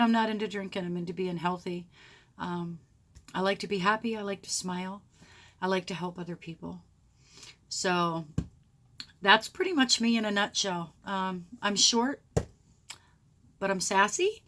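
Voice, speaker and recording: A woman's voice: medium pitch, fairly bright tone. Groggy middle-aged woman chatting casually. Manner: frank, chatty, rambling self-description. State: sore throat, groggy voice. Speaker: homesteading blogger introducing themself. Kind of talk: casual, unscripted talk to followers.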